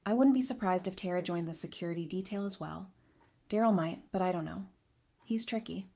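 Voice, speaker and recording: In this fan audio drama, an actress voices a candid, dry-witted female adviser, speaking frankly and conversationally in a thoughtful mood. Her voice sits fairly low, with vocal fry and a warm tone, and she talks a little fast.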